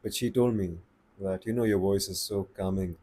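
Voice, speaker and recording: A man with an Indian accent giving calm, slow-paced advice on speaking to the camera. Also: low voice. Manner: slow, calm and deliberate, with pauses. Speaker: voice coach. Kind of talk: casual advice talk to camera.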